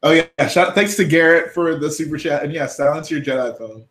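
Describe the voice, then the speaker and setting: A man's voice: a little high, brisk, a bit bright. A man hosting a live stream, casually talking through his points and questioning his guest. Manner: questioning, talks things through. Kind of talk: casual chat. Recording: roomy room echo.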